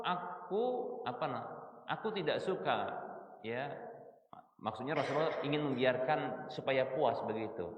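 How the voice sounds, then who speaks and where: A middle-aged man with a Medan-area Indonesian accent preaching in a mosque, quizzing his listeners with rhetorical questions. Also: a little high. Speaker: Islamic preacher. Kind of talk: mosque study sermon. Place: mosque hall. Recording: echoey, distant, muffled hall recording.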